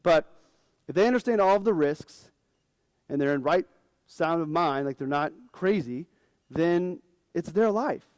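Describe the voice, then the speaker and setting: A man's voice: on the high side, animated, measured pace, long pauses, a little mellow, no room sound. A man in his forties, a financial advisor, giving a casual, frank conference talk to fellow advisors.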